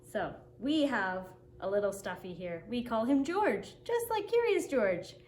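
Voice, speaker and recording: In a roomy space full of echo and faint background noise, a woman with a high, slightly mellow voice reads a picture book for young children. Her pitch swings widely as she tells it expressively and deliberately, unhurried like a kindergarten teacher at story time.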